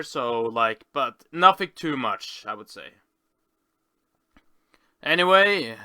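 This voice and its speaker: A video host with a mid-range, very bright and forceful voice gives a casual screen tour, rambling, halting and correcting himself as he goes. His tone is clear and smooth, and the sound is close and dry.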